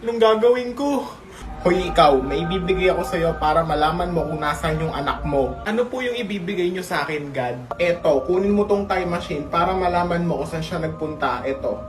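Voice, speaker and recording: High-voiced man acting out comic skits. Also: fairly quick, hardly any pauses. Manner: switches between characters, often squeaky and exaggerated. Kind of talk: comic skit narration, voicing several characters. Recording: echoey, distant recording. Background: music.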